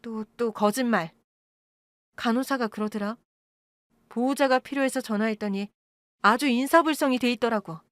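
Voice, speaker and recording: A woman voicing a cold, bitter young daughter who accuses her birth mother in a quiet voice, in an audio drama. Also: on the high side, moderate pace, pauses often, no room sound, studio quality, close to an everyday voice.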